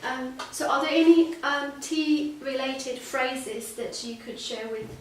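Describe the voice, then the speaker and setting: A woman hosting a casual lesson chat, laughing often and filling pauses with ums. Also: sits high. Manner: giggly, many fillers. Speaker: host. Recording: roomy echo, distant mic, faint hiss.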